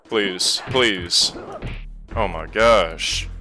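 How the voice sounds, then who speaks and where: A man giving live gameplay commentary, sarcastic and frustrated, swearing and yelling at the game. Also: sits low, drawn-out words, soft background music. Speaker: gaming YouTuber.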